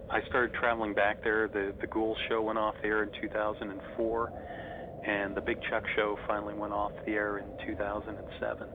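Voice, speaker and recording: A middle-aged man telling stories casually as an interview guest, with a fan's enthusiasm. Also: lowish voice. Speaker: interview guest, horror host. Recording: noisy, thin phone-like line.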